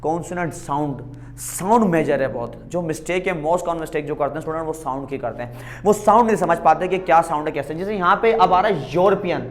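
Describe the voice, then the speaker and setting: A man's voice: a little high, brisk. A male teacher giving a grammar lesson on video, calling students "beta", asking questions and answering them himself, repeating key words. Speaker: English teacher.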